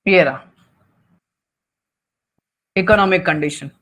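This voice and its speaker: A man's voice: high voice, slow, fairly bright tone. A man teaching an online class, quizzing students and teasing them with Marathi asides. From Maharashtra. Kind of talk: live online class lecture.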